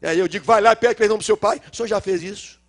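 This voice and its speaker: A middle-aged male pastor with a Minas Gerais accent, preaching a sermon and acting out the dialogue of a story, swinging between loud cries and low murmurs. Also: racing. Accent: Brazilian Portuguese, Minas Gerais. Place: church.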